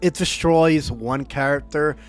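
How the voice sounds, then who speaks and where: A man chatting casually on a podcast, relaxed and agreeable, with a mid-pitched voice. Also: a little slow, soft background music. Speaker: co-host.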